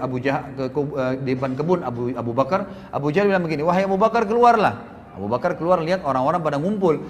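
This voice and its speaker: A man preaching a sermon in a mosque, telling a story and acting out the quoted lines with lively shifts in his voice. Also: slight background noise. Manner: animated, acts out quoted speech with shifting pitch. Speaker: Islamic preacher. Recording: distant reverberant hall recording, faint ambience.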